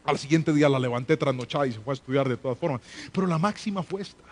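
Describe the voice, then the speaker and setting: A man's voice: mid-range voice, very fast. A man preaching a live sermon in a church, emphatic, repeating refrains and calling on the congregation to answer.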